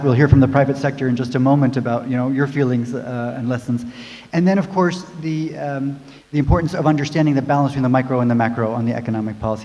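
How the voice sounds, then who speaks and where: A man moderating a panel discussion, briskly recapping points and handing over to the next speaker. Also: mid-range voice, mellow. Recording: dull, reverberant hall sound.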